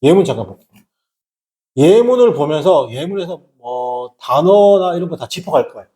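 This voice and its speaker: A man teaches English grammar in a recorded lecture, his fairly high voice swinging widely in pitch at a normal speed, with reverb around it. He asks rhetorical questions only to answer them, shifts between casual and polite registers, and dramatizes shouted warnings for emphasis.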